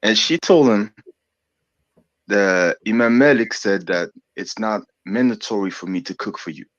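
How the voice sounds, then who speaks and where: A man's voice: on the low side, unhurried, dry recording, dull audio. A man in his thirties from France, speaking English as a second language, a little sick and searching for words with many fillers. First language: not English. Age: 30s. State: sick, coughing. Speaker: podcast guest. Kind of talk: casual chat.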